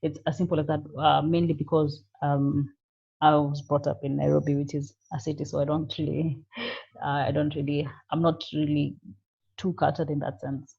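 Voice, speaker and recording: Hesitant, flat-voiced panel guest from Kenya. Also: medium pitch, normal speed, gravelly, breathy edge, highs cut off. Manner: hesitant, many fillers. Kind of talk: panel discussion.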